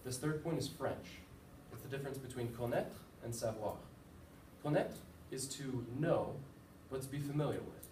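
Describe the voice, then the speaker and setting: A young American man speaks at normal speed with a mellow, medium-pitched voice. He gives an easygoing, informative class presentation with occasional fillers and self-deprecating comments, and the recording is distant, echoey, and noisy in the background.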